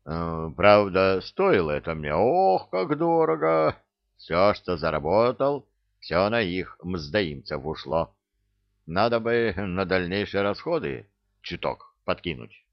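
A man's voice: sits low, very animated, takes it slowly, vocal fry, dry recording, dull audio, full character voice. A man voicing a cheeky, glib young adventurer who wheedles, in an audiobook. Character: cheeky young male adventurer, smooth-talking chancer.

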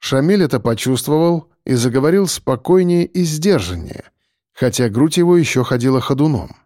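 A male audiobook narrator tells a story in scripted narration, keeping a steady, measured delivery. His voice is mid-range, with studio-quality sound and no room sound.

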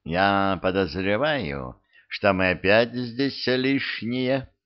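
A man voicing a sly, prim male vampire steward in an audiobook, speaking softly and ingratiatingly. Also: lowish voice. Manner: soft, slow and ingratiating. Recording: dull lo-fi recording.

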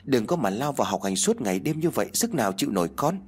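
Caring mother in a storybook, gently scolding, husky tone, read by a man. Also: mid-range voice, big pitch swings, fast. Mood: worried. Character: caring older mother worrying over her son.

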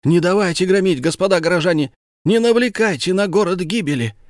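A man's voice: a little high, measured pace, no echo, studio quality, voice pushed up, lightly acted. A man voicing Ulenspiegel, a bold young trickster haranguing a crowd with passion. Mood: pleading. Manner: impassioned, pleading.

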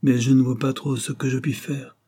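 A man reading an audiobook, voicing a calm, wealthy gentleman who refuses in measured tones. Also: mid-range voice, husky, voice pushed up, lightly acted. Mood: calm refusal.

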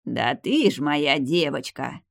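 A reader voicing a proud old grandfather who heads a clan, speaking slowly and self-importantly in an audiobook. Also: mid-range voice, vocal fry, dry recording, clean studio sound, natural voice. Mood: stern. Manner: slow, self-important, drawn-out speech. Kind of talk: audiobook character voice.

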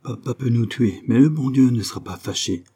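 A man voicing a pious young boy who speaks calmly and earnestly. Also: mid-range voice, moderate pace, husky, voice pushed up. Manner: calm, earnest.

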